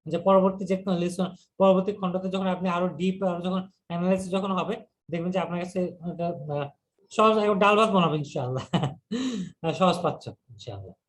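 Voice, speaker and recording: A man teaching an Arabic grammar lesson, slowly repeating words and breaking them down step by step. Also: sits high.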